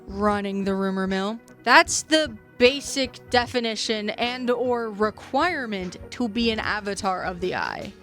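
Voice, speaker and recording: With a medium-pitched, slightly bright voice, a woman reviews fiction podcasts in a scripted video essay. Background music accompanies her casual asides and the dramatic emphasis she puts on key phrases.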